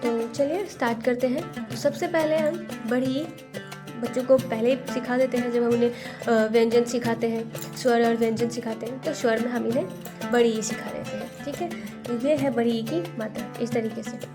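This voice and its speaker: A woman's voice: fairly high pitch, fairly even intonation, moderate pace, music in the background. A woman teaching a Hindi lesson, sounding out syllables and repeating each word twice. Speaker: home tutor teaching Hindi to parents. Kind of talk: slow spelled-out lesson.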